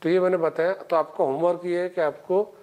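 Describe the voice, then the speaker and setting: A man's voice: high voice, steady tone, brisk, a little mellow. A middle-aged man teaching chemistry in a coaching classroom, lecturing and quizzing students with constant checks. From India.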